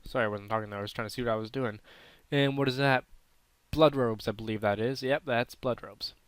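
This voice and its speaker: A man's voice: medium pitch, brisk, smooth, no echo. Man commentating a game with a scratchy throat. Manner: thinking aloud, unsure, self-correcting. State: throat irritation, clearing throat. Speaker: gaming channel host. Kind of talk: casual gameplay commentary.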